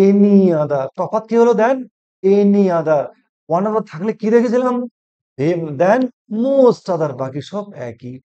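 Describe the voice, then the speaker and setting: A man walks through a grammar lesson, explaining each step and answering his own questions. His voice sits high but has a mellow, darker tone. The recording sounds dull and muffled, like lo-fi audio. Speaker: English grammar teacher.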